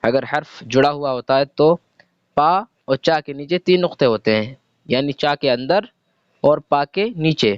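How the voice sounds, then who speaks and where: A slightly high-voiced man, recorded dry, teaches reading slowly and step by step. He patiently spells out letters and sounds individually and answers his own questions, all on a dull, lo-fi recording.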